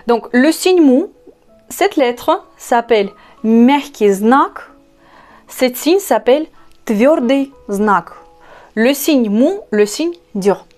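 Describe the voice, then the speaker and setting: Russian-accented woman teacher, higher voice, unhurried, spells and repeats words, soft music under her. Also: lively intonation. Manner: slow and patient, spells out letters and repeats each word. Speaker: language teacher. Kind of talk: online language lesson.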